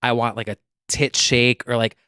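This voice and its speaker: Male co-host, medium pitch, dry sound: excitable, emphatic, sweary, casual chat. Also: normal speed, smooth, dry recording. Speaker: podcast co-host. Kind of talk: casual pop culture chat.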